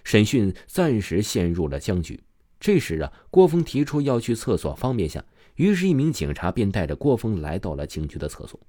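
Deep-voiced man narrating true crime, very animated pitch. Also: no room sound, clean studio sound. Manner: dramatic storyteller phrasing with drawn-out sentence particles.

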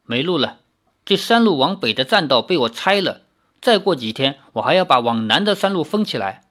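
A man's voice: a little high, animated, fast talker, a bit bright. A man voicing a cold, curt woman who is secretly a toad demon, in a read-aloud novel. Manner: icy, curt.

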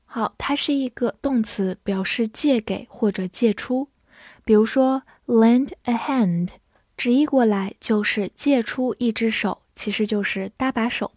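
A woman teaching English vocabulary, spelling each word letter by letter and reading examples slowly. Her fairly high voice has a mellow, soft tone. The sound is close and dry, with no room around it. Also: no echo. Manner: patient, spells words letter by letter and repeats them slowly. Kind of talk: vocabulary lesson, spelling and slow read-alouds.

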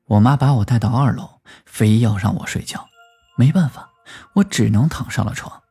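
A man narrating a first-person rural horror story in a lively storytelling manner, lifting his voice for the quoted lines. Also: mid-range voice, moderate pace, slightly rough, soft background music.

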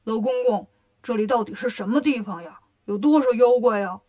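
A woman's voice: a little high, fairly quick, dark tone, natural voice. A woman voicing a jealous, boastful pig disciple in a children's storybook tale, drawling and self-satisfied. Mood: smug.

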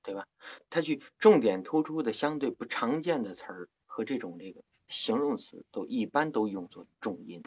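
A man's voice: mid-range voice, animated, moderate pace, a little mellow, husky, highs cut off. A man hosting a casual livestream chat, explaining things at length with playful asides. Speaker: livestream host and audiobook narrator.

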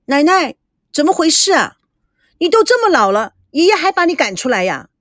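A woman voicing a tearful, indignant teenage granddaughter who pleads in a high, whiny voice. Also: big pitch swings, a little slow, a bit bright, no echo, clean studio sound, full character voice.

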